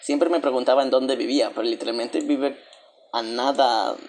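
A man's voice: medium pitch, steady tone, normal speed, darkish tone, slight background noise. A man hosting a gaming channel, chatting casually and scolding the game characters with jokey asides.

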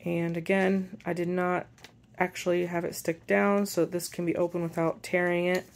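A woman walking through her handmade journal page by page in a casual show-and-tell, unhurried and pausing as she handles the pages. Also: fairly low pitch, little pitch movement, creaky. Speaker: journal maker and shop seller.

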